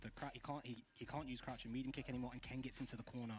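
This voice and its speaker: A man's voice: medium pitch, level tone, rapid-fire. A man co-hosting a fighting game watch party, giving casual technical commentary and thinking aloud with restarts.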